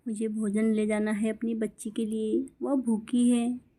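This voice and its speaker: A woman's voice: a little high, flat delivery, a little slow, warm tone, natural voice. A woman voicing Gori, a loving mother bird who is upset and tearful. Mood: sad. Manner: tearful, pleading.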